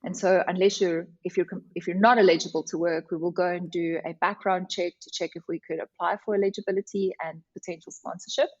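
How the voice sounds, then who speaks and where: A woman's voice: on the low side, fairly even intonation, fast, hardly any pauses, husky. South African woman, slightly muffled recording. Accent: South African (Afrikaans). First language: Afrikaans. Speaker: company representative, interview guest. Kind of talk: conversational podcast interview answers.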